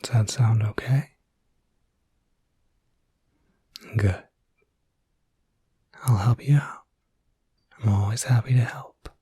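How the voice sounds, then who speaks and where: For an ASMR roleplay, a man voices a reassuring werewolf caretaker in a soothing, breathy whisper near the mic, with small hesitations. His pitch sits fairly low and his tone stays steady as he speaks unhurriedly, free of any room sound.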